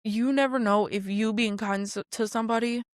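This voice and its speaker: A woman in her late twenties hosting a podcast alone, in a chatty, animated manner full of asides. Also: brisk, no room sound, studio quality. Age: 20s. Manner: chatty, animated, frequent asides and jumps in pitch. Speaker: podcast host. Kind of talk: casual solo podcast monologue.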